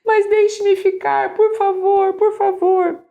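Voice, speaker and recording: A woman's voice: very high voice, little pitch movement, slow pace, dull audio, pitched above the performer's own voice, exaggerated voice. A woman voicing a crying young boy who begs his father to let him stay, reading it aloud from a parenting book. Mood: tearful pleading. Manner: sobbing, begging.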